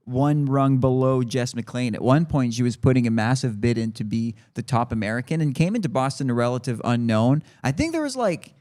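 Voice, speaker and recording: A man's voice: mid-range voice, brisk, few pauses, a little mellow. A man giving conversational sports commentary on a live stream, chatty and ready with opinions and anecdotes.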